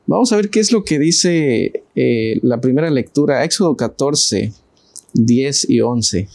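A man in his thirties with a Mexican Spanish accent hosts a casual Bible study on a TV studio set, questioning the panel with frequent hesitations. His mid-range voice is creaky and darkish, with lively intonation and a measured pace, picked up by a lapel mic.

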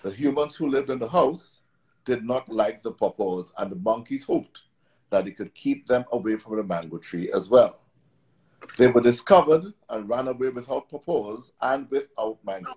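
Steady man reading a children's story. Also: mid-range voice, moderate pace, poor audio. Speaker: narrator.

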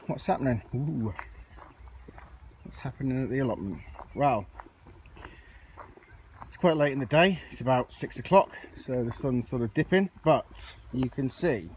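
On his allotment, an amateur gardening vlogger chats his way through a loose, casual video tour captured on a handheld camera or phone. His voice is medium-pitched and a little mellow, and the outdoor recording has plenty of noise.

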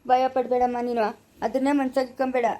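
Brief: woman as a resigned poor village father, soothing and pleading, Chikkaballapura Kannada accent, high voice. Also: little pitch movement, quick pace, dark tone, a little hiss or hum, lightly acted. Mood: consoling. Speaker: actor in a family drama. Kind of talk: village family drama acting.

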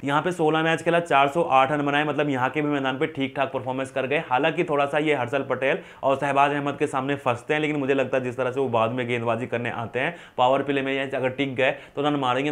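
Fast-talking young man with lapel mic. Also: medium pitch. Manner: rapid, animated hand gestures, self-asking "who?" then answering. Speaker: fantasy cricket tipster. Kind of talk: fast scripted-free stats rundown to camera. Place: indoor studio with printed backdrop. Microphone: lapel mic, medium framing.

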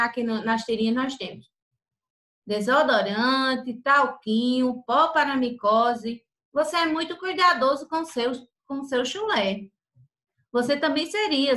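A woman's voice: high voice, fairly bright tone. A woman teacher going over a worksheet with her pupils, patiently spelling out letters and often restating herself. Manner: repeats herself and self-corrects often.

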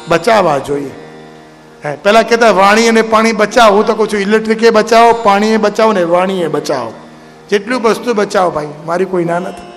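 A man's voice: high-pitched, fairly bright tone. A man giving a devotional discourse, exhorting his listeners with rhetorical questions. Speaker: religious speaker. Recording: reverberant hall with instrumental music.

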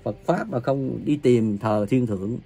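A man preaching an angry, ranting sermon, cursing and scolding his listeners with coarse insults, his volume swinging from loud bursts to low mutters. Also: animated, unhurried, husky, soft background music. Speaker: self-proclaimed religious preacher.

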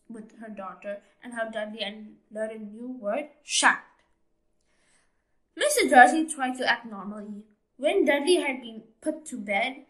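Bright-voiced woman reading a novel aloud. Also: fairly high pitch, poor audio. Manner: plain, slightly halting read-aloud delivery. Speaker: book reader.

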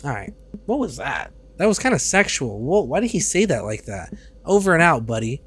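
A young man in his twenties giving casual, joking commentary while streaming a game, with loud outbursts and swearing, on a studio mic. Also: on the high side, big pitch swings, moderate pace, breathy edge. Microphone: studio mic on arm.

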